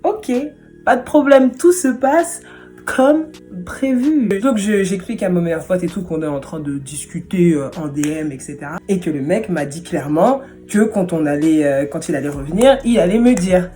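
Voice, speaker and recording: A young adult woman telling a casual storytime in slangy, animated speech full of fillers, recorded without an external microphone. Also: low-pitched, a little fast, few pauses, soft background music.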